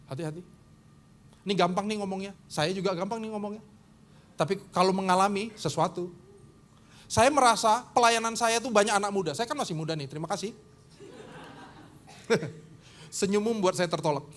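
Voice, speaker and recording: A man's voice: high-pitched, a bit bright. A middle-aged male pastor preaching and telling stories, acting out the people he quotes with big jumps in his voice. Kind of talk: sermon with acted anecdotes.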